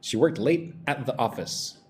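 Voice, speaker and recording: A man's voice: medium pitch, lively intonation, normal speed, a little hiss or hum. A man teaching English pronunciation on a live stream, talking with energy and reading out viewers' chat messages.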